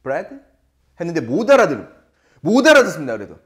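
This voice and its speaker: Teaching English with a Korean accent, this man repeats phrases at a slow pace and explains them with lively energy. His voice is slightly high.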